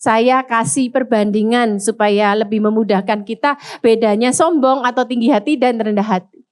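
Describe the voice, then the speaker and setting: A woman pastor with an Indonesian accent delivers a lively sermon in a high, bright voice. She speaks straight to her congregation, drops English phrases into her preaching and mimics boastful voices with rising pitch. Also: moderate pace. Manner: animated, acts out proud speakers in a raised voice; addresses congregation as Bapak Ibu.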